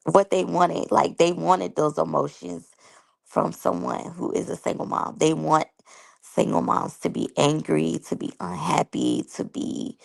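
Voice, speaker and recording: This woman in her thirties chats candidly with her viewers, reviewing a reality show and telling personal stories. She speaks low with vocal fry, and the recording is low quality.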